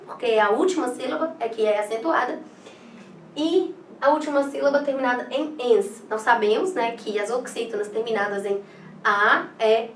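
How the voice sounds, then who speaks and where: A woman's voice: fairly high pitch, roomy sound, recorded from a distance, slight background noise. A woman with a Brazilian Portuguese accent teaching an online exam-prep lesson. She talks in a chatty way, with many fillers, and ends her phrases with "né?".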